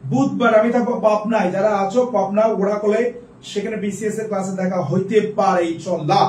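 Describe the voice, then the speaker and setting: A man's voice: sits high, fairly even intonation, fairly quick, darkish tone, echoey room, distant mic, slight background noise, rough recording. A man from Bangladesh teaching English vocabulary to exam students in a live online class, drilling word pairs by asking and then answering each one, several times over.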